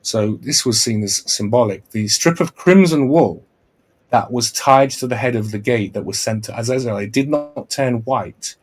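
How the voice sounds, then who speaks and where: With a mid-range voice at a moderate pace, a man hosting a casual podcast lectures earnestly and at length, making many restarts and asking "right?" again and again.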